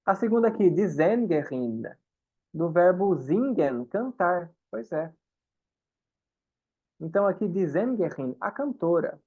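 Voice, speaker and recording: A man's voice: sits high, lively intonation, unhurried, long pauses, dark tone. A man leads an online German lesson. He explains each rule patiently and keeps asking the students whether they follow. His voice comes through dull, lo-fi video-call audio. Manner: patient, explains with frequent checks to the class. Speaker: German teacher.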